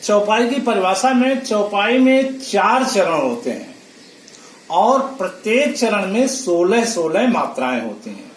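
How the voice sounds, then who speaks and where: A man's voice: sits high, very animated. A man teaching a classroom lesson, drawing out each syllable as he counts. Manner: slow, drawn-out syllables while counting. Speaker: school teacher. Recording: roomy, distant from the mic.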